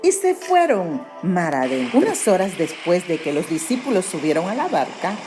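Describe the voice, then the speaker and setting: A woman teaching a Bible lesson to children, telling the story with animated questions to the kids. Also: medium pitch.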